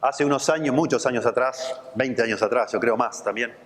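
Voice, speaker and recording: Rioplatense pastor in his 50s, chatty sermon storytelling, mid pitch, echoey church hall. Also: normal speed. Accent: Rioplatense Spanish. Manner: conversational storytelling, acts out quoted voices. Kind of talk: sermon with personal anecdote.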